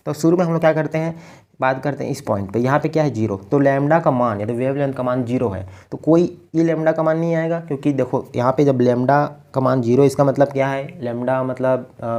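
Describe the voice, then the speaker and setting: A man from India giving a patient physics lecture, explaining each step slowly and often checking in with his students. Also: mid-range voice, dark tone. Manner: keeps checking in with "ठीक है". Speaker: physics teacher. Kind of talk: blackboard lecture.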